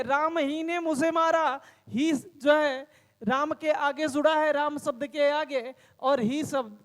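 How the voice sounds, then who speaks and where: A male grammar teacher with a high voice lectures in a room that rings with long reverb. He explains step by step, posing questions to the class and answering them himself.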